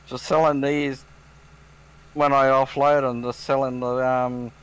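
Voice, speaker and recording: A man's voice: medium pitch, little pitch movement, unhurried, smooth. A man playing a farming game with friends, asking plain, practical questions in casual chat. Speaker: co-player on a stream.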